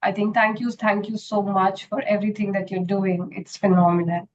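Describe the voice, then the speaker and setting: A woman's voice: medium pitch, flat delivery, moderate pace. Earnest woman, muffled sound. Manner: earnest, with many "you know" fillers. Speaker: guest, retreat founder and homeopath. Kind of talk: interview answer and storytelling.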